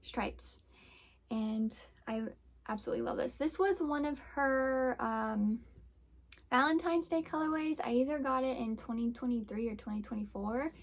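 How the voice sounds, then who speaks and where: Young woman, podcast host, casual chat, rambling with fillers, gravelly vocal fry, fairly high pitch. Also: moderate pace. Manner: chatty, rambling with many fillers. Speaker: podcast host and yarn dyer.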